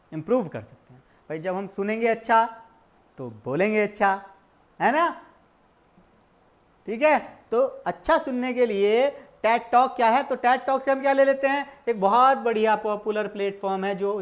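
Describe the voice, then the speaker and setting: Guy teaching a soft skills class, keeps asking and answering his own questions, calls everyone bro. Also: sits high. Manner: keeps addressing students as brother and kids; stretches English definitions out slowly. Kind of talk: exam-prep lecture.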